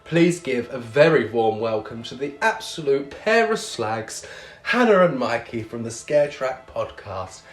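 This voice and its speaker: A man's voice: mid-range voice, expressive, measured pace. A man hosting a show as a drag queen, with a camp, cheeky, theatrical manner. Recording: roomy echo on the voice.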